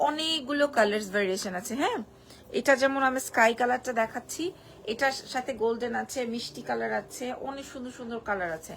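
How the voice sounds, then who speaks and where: A hoarse woman presenting a live-stream sari sale from Bangladesh, gushing over each piece and repeating prices and discounts. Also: a little high, a bit bright, a little hiss or hum. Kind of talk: live-stream sales pitch.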